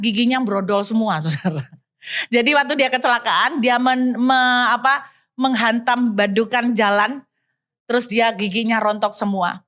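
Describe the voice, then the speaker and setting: Woman pastor, high-pitched, animated storyteller who drops in English phrases. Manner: animated, addresses the congregation often, mixes in English phrases. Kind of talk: sermon storytelling.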